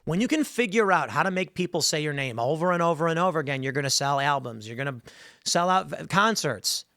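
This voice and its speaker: A man's voice: fairly high pitch, expressive, a little fast, bright, forceful tone, no echo, clean studio sound. A man hosting a podcast, telling stories in a rambling, emphatic casual monologue full of fillers. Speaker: podcast host.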